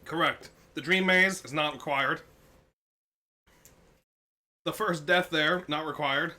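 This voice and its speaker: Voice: mid-range voice, slow pace, pushed and bright. A co-host of a game stream chatting casually and cracking dry jokes. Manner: dry wisecracks. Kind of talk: casual chat.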